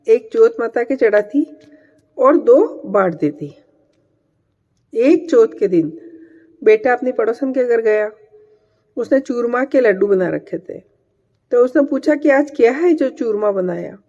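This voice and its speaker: A woman narrating a devotional folk tale in a plain, steady way. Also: fairly high pitch. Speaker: storyteller. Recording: dull lo-fi sound with long reverb.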